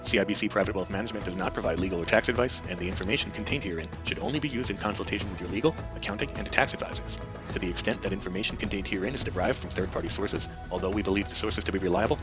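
A man reading a scripted legal disclaimer quickly and evenly. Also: low-pitched. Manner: fast, even legal read. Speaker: disclaimer announcer. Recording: voice over background music.

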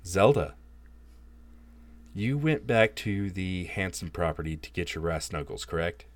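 A man narrating as game master in a tabletop role-play podcast, calm and supportive, with many fillers. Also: low voice, a little slow.

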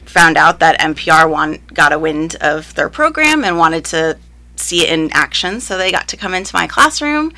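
Being interviewed, a young woman who teaches first grade talks in a casual, upbeat way with frequent ums and likes; she grew up bilingual in Spanish and English, with Spanish first. She has a deep voice with big pitch swings, a moderate pace and a bright, forceful tone.

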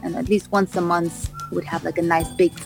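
A woman's voice: fairly low pitch, little pitch movement, brisk, vocal fry, over music. A woman raised in Canada answering radio interview questions about her cookbook, talking in an enthusiastic way with frequent "um"s and restarts. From raised in Vancouver, Canada. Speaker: cookbook author, interview guest.

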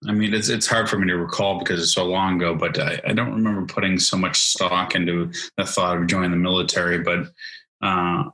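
Low-voiced, forceful man from New Hampshire, forties; chatty, filler-heavy interview guest. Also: little pitch movement, fairly quick, low-quality recording. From New Hampshire, USA. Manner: rambling, many fillers and restarts. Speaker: guest, Army veteran. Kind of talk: casual interview chat.

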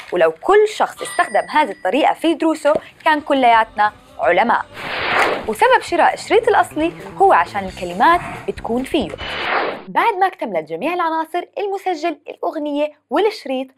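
A woman's voice: high voice, background noise. A woman with a Levantine Arabic accent narrating a scripted podcast in a playful folk-tale storytelling manner, with rhyming phrases. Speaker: podcast host. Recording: music playing behind the voice. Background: music.

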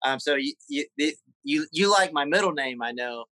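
A man with a Southern US accent, a guest in a personal interview, talking haltingly with many fillers and repeated words. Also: a little high, animated, pushed and bright, no room sound, low-quality recording. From South Carolina.

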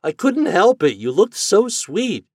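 A man reading a children's story aloud, voicing a mischievous boy who loves playing tricks, with a raised, excited delivery. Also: normal speed, slightly rough, no room sound, clean studio sound. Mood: pleading, cheeky. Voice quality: excited, high and loud. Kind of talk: audiobook character voice.

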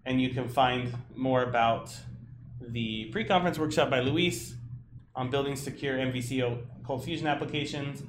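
A man's voice: medium pitch, normal speed. Man co-hosting a podcast, roomy echo. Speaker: podcast co-host. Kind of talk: casual podcast news chat. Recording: roomy echo, clear background noise.

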